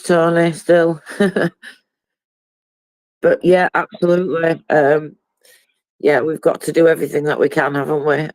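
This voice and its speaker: A woman with a croaky, hoarse voice, co-hosting a casual live discussion. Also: sits low, no echo, rough recording. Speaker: co-host.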